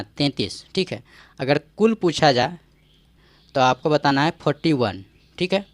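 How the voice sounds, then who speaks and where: A male teacher with a mid-range voice, recorded without room sound, walks through an exam-prep grammar lesson step by step. Along the way he checks in often with "ठीक है" and quizzes the viewer with rhetorical questions.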